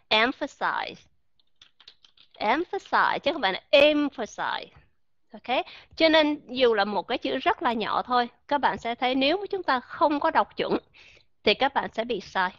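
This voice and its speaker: A woman's voice: a little high, a bit bright, dry recording. A woman teaching English pronunciation in an online lesson, patiently explaining, repeating example words and asking her listeners questions. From Vietnam. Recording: dry, dull lo-fi recording.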